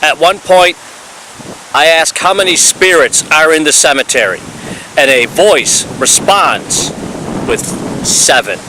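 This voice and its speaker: A man's voice: fairly high pitch, a little slow, bright, forceful tone, slight background noise, low-quality recording. A man narrating his paranormal investigation as a voice-over, earnest and explanatory, building up each finding.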